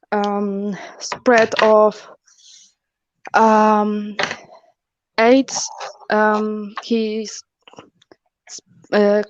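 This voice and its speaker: A woman's voice: on the high side, a little mellow, a little hiss or hum. A woman from Poland, chatting casually on an online stream, giggling often and hesitating with many fillers. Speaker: guest on a stream. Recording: dull lo-fi call audio.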